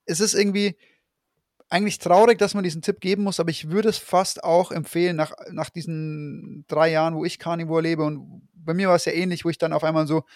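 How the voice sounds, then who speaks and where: A man's voice: fairly high pitch, little pitch movement, a little fast, no echo, clean studio sound. A man hosting a podcast, talking casually and rambling with many fillers and restarts. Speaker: podcast host. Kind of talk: casual conversation.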